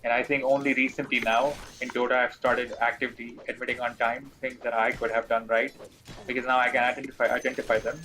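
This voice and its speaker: A man's voice: mid-range voice, little pitch movement, fast, bright, forceful tone, a little hiss or hum, low-quality recording. A man chatting casually to his stream chat while playing a game, rambling and poking fun at himself. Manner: chatty, rambling, self-deprecating. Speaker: gaming streamer.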